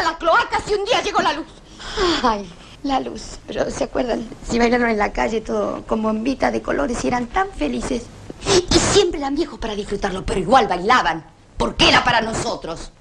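A woman's voice: high-pitched, lively intonation, a little fast, vocal fry, background noise. An actress with a Rioplatense accent playing a weary, stubborn working-class mother who speaks with fervent, pleading passion. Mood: impassioned. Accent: Rioplatense Spanish. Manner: impassioned, pleading, swings between hushed and fervent.

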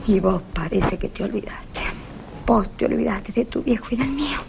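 A woman's voice: on the high side, normal speed, gravelly, a little hiss or hum, rough recording. A weary, stubborn working-class mother. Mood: impassioned. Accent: Rioplatense Spanish. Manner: impassioned, pleading, swings between hushed and fervent.

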